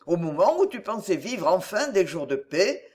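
A woman's voice: on the low side, sing-song, moderate pace, a little mellow. A woman giving a dramatic literary reading, speaking conspiratorially to the listener. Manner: conspiratorial, addressing the listener directly. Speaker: reader.

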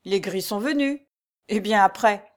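A woman's voice: medium pitch, measured pace, close to an everyday voice. A woman playing a blustering little steward. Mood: furious. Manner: loud, barking, peremptory. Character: short, blustering male steward, harsh. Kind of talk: storybook reading.

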